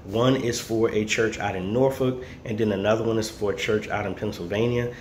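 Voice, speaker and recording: A man with a fairly low voice chats casually to his vlog through a face mask. The room is echoey, with faint noise behind him. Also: fairly even intonation, a little fast, darkish tone. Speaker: vlogger who installs church streaming gear. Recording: roomy echo, faint background noise.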